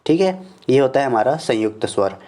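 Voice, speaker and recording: Male teacher with a Chhattisgarh Hindi accent, mellow and dark-toned, patient step-by-step slide lesson. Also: mid-range voice, big pitch swings. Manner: explains step by step, often addressing viewers as "friends"; checks in with "okay" after each point, repeating definitions slowly. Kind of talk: slide-based grammar lesson.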